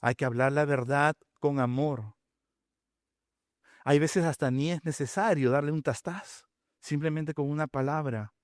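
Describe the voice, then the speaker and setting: A man's voice: a little high, a little slow, no room sound, studio quality. A man preaching a sermon, counting off his points and asking the congregation rhetorical questions. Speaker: pastor.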